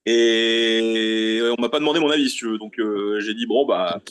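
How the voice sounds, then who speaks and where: A drummer in a casual band interview, recounting things in a relaxed way with frequent fillers. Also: male voice, on the low side, moderate pace, smooth.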